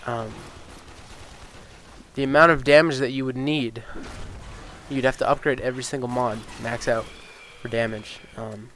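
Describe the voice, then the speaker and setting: Slight background noise accompanies this gaming YouTuber, whose mid-range voice moves at a moderate pace. He has a stuffy, sniffly nose and chats casually over gameplay, rambling with plenty of ums and uhs. Swearing freely, he gets worked up, excited and incredulous, about game balance.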